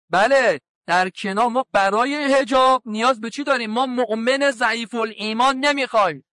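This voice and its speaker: A man's voice: extremely high pitch, a bit bright, dry recording. A man who is a cleric, giving a sermon in a colloquial way, retelling conversations with quoted lines from around Qom. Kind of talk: sermon with anecdotes.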